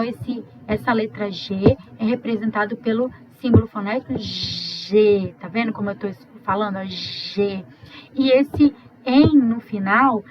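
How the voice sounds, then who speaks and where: A woman teaching an online review lesson, explaining step by step, slowly repeating sounds and checking in with her students. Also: fairly high pitch, highs cut off, noisy background.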